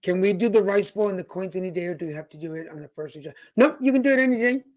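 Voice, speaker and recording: Co-host, relaxed and matter-of-fact, casual chat, mid pitch. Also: rapid-fire.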